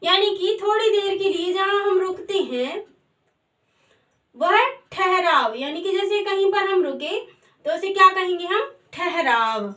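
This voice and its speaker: High-voiced woman teaching slowly. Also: a bit bright. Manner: patient, asks questions then answers them. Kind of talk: Hindi grammar lesson.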